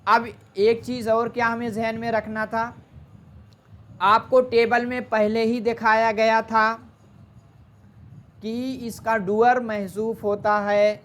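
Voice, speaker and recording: A teacher giving an online Arabic grammar lesson, explaining slowly, mixing in English terms, and asking the class questions before answering them. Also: medium pitch, flat delivery, fairly bright tone.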